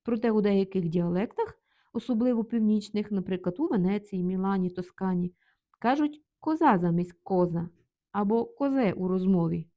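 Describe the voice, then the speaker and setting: Female tutor, mellow tone, reads example sentences and glosses each. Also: medium pitch, moderate pace. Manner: reads example phrases, then translates each. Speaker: language teacher. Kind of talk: explaining vocabulary with examples.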